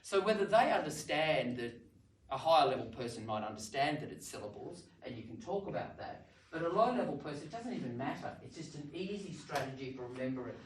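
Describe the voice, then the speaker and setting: An Australian woman training language teachers, talking in an animated, demonstrative way with strong stress on words. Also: deep voice, brisk. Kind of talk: training session talk. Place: library meeting room. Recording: roomy sound from some distance.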